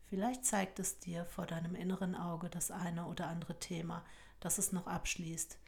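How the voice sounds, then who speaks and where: A woman guiding a relaxation hypnosis in a slow, soft, often whispered voice. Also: fairly low pitch, little pitch movement, creaky. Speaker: hypnosis guide.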